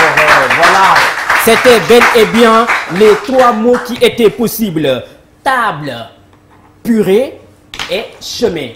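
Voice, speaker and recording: A game show host with a low, a little mellow voice leads a live TV word game. She sounds upbeat as she greets viewers and calls for applause, and the studio recording is echoey with a bit of faint noise.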